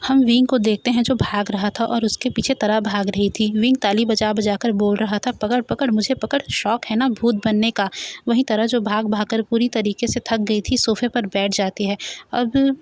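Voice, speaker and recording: A woman narrating a fan-fiction story in a lively, expressive way. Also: mid-range voice, normal speed, dry recording.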